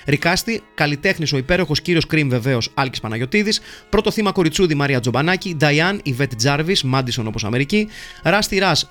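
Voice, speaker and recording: A man with a fairly high, slightly bright voice hosts a podcast, playfully reading listener messages aloud with jokes and rattling through lists of names.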